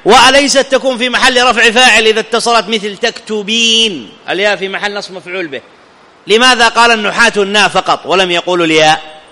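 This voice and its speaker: A male teacher with a high, piercingly bright voice leads a classroom grammar lesson. He keeps asking students questions and checking whether they follow. The sound rings out in a long hall reverb. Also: fast.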